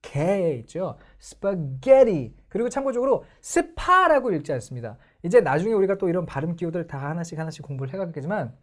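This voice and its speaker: A young woman teaching English pronunciation in an online lecture, explaining and putting questions to the viewers. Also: fairly low pitch.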